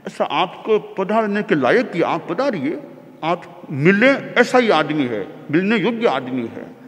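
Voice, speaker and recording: A man's voice: high voice, big pitch swings, measured pace. A man voicing a loyal charioteer who answers his king respectfully and reassuringly. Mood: deferential. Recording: long reverb of a large hall.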